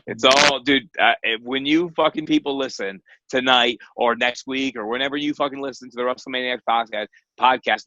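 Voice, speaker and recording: A man's voice: medium pitch, pushed and bright, highs cut off. A man, a professional wrestler guesting on a podcast, ranting and trash-talking in profane, rambling casual chat. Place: guest room at home.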